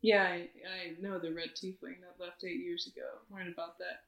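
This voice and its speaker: A woman playing a tabletop game, casual, curious and quick to swear. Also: lowish voice, level tone, creaky, a bit bright, roomy sound. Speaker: player.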